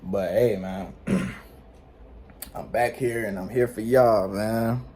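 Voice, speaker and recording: Sitting at home, a late-teen guy of eighteen vlogs off the cuff, drifting from topic to topic in relaxed slang and frequently asking viewers "you know what I'm saying." He speaks slowly in a fairly low, warm, steady voice, with slight background noise.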